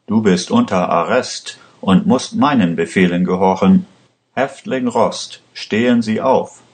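A man's voice: deep voice, normal speed, natural voice. A man voicing a harsh, threatening male prison guard in a read-aloud story. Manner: threatening, commanding.

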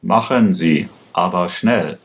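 A man's voice: low voice, slow. A man voicing an impatient, tired judge who gives curt commands.

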